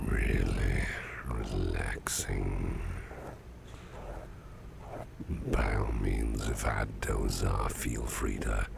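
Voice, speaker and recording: In an intimate ASMR roleplay, a man heavily acts a sickly, drowsy, sweet-tempered boss confiding in his employee, with a drowsy, affectionate mood. His extremely deep voice, thick with vocal fry, drifts in a breathy murmur over a noisy background. He rambles gently, hesitantly and slowly, repeating himself.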